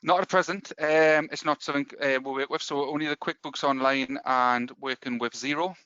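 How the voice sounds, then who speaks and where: Man, Geordie accent, rapid pace, smooth clear voice, dull lo-fi sound, webinar pitch. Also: fairly even intonation, bright, forceful tone, dry recording. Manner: fast, filler-heavy sales talk. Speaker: software company presenter.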